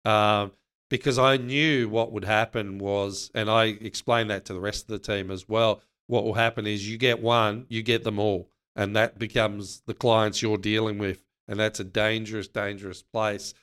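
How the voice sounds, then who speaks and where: A man co-hosts a podcast and speaks with earnest conviction as he gives business advice. His voice sits low and comes across smooth and resonant, and the talk stays casual. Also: level tone, normal speed, a bit bright.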